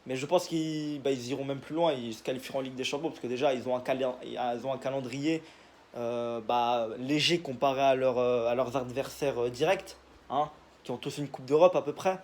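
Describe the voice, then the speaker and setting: A man's voice: medium pitch, a little fast, darkish tone, slight background noise. A young man, casually giving his football predictions in a rambling, joking monologue full of fillers. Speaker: football video creator.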